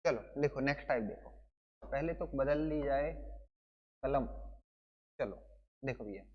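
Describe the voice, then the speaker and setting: A man's voice: medium pitch, a little slow. Male tutor cracking jokes in class, chatty, long echo, kinda muffled. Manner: playful, chatty, often calls students brother; uses wedding and party stories to explain. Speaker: teacher. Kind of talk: exam coaching lesson.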